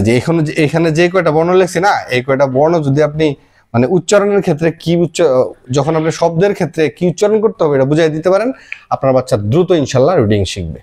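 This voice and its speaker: A man with a fairly high voice teaches in a relaxed, conversational way. He breaks words into single letters, sounding each one out slowly before joining them back together. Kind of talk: casual explanatory lesson.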